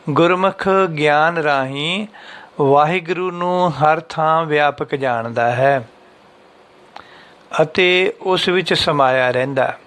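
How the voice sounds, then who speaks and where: Guy teaching scripture, patient, repeats lines slow, kinda high smooth voice. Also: fairly bright tone. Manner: patient, repeats and chants lines slowly to show pauses. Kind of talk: explanatory religious lesson.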